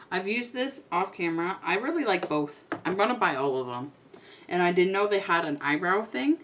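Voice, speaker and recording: Slight background noise sits under this woman's lowish voice as she chats and rambles, now and then going quiet. She's a beauty vlogger talking casually while putting on her makeup at home.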